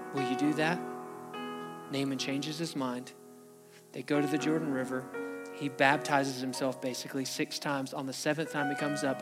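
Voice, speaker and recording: Male pastor, slightly high voice, preaching a sermon with storytelling over clear backing music. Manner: preaching with storytelling and acted quotes. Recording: music playing behind the voice.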